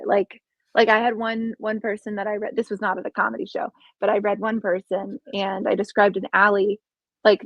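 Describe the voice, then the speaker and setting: A woman's voice: mid-range voice, no echo, lo-fi sound. Young woman, podcast guest; casual, searching, dry close sound. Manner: musing, searching for words, many restarts. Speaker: podcast guest, comedian and psychic reader.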